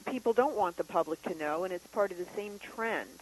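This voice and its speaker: A woman's voice: medium pitch, animated, fairly quick, a little mellow, a little hiss or hum, rough recording. A woman guest on a radio show speaking earnestly in a casual interview.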